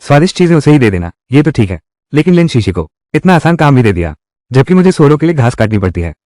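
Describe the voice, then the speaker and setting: A man's voice: mid-range voice, very animated, fast, darkish tone, no room sound, clean studio sound, close to an everyday voice. A man voicing every role in a dubbed drama, speaking all the parts in much the same voice. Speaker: dubbing voice actor.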